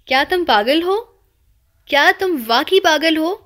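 A woman's voice: high-pitched, animated, a bit bright. A woman voicing a harsh, blustering middle-aged male club manager who barks orders, in an audiobook reading. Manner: harsh, commanding.

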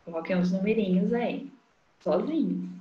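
A woman teacher, talking young children through a literacy worksheet in a slow, sing-song way. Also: medium pitch, a little hiss or hum. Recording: dull, echoey room sound.

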